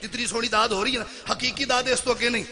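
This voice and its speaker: A man with a Punjabi accent leading a religious mourning gathering, swinging between soft asides and loud shouted verse. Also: very high voice, fairly even intonation, quick pace. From Pakistan. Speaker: zakir reciting at a mourning gathering. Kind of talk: religious poetry recitation and address.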